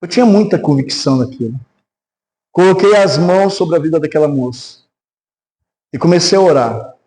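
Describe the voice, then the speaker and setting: A Brazilian-accented pastor, his voice a little high and his pace moderate, preaches in a church sanctuary. He shares a testimony with lively storytelling, performing the voices he quotes, and then leads a prayer. The audio is of low quality.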